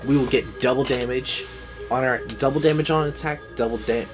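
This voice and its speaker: A man's voice: medium pitch, steady tone, a little fast, music in the background. A man livestreaming a video game with casual, rambling commentary, thinking aloud as he plays.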